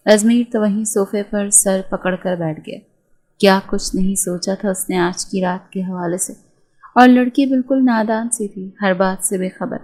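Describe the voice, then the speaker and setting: A woman narrating a romance novel in a steady storytelling manner. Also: mid-range voice.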